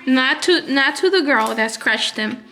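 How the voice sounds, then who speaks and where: Woman, mother vlogger, high voice, fighting tears, frustrated, halting speech. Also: animated, sharp tone. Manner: halting, hesitant, full of restarts; frustrated and upset. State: holding back tears. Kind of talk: emotional personal vlog.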